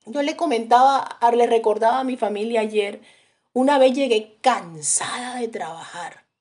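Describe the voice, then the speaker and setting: A woman preaching a sermon dramatically, dropping to hushes and rising to loud cries, and acting out the people in her stories. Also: on the high side, measured pace. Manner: acts out quoted voices in storytelling.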